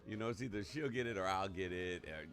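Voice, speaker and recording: Deep-voiced chatty male radio host. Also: quick pace, fairly bright tone, soft background music. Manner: chatty, laughs often, colloquial. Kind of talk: casual live radio talk.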